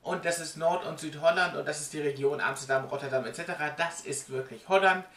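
A German man vlogs from a small room at home, chattily explaining things to his webcam with emphatic, direct address. His voice sits on the high side, moving fairly quickly with a slightly bright quality. The webcam audio sounds roomy and distant.

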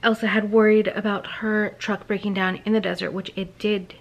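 A woman in her thirties chatting casually to camera as she retells a story in a halting, conversational way with emphatic asides. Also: mid-range voice, little pitch movement, gravelly, muffled recording. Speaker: book vlogger. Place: small bedroom, indoors.

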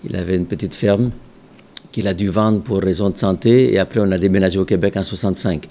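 A low-pitched older man, a religious brother and school director from Ontario, Canada, calmly looks back on his life while answering interview questions. He's at his office desk with a microphone in front, his delivery measured and reflective, with some hesitations.

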